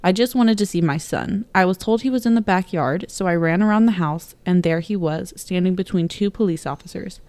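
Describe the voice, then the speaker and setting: A middle-aged woman co-hosts a chatty podcast, swinging between blunt, swear-laced banter and steady story reading. She laughs easily. Her voice is recorded close and dry, with no room sound around it. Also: fairly low pitch, a little fast, few pauses, no room sound. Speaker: podcast co-host. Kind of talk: casual chat and reading stories aloud.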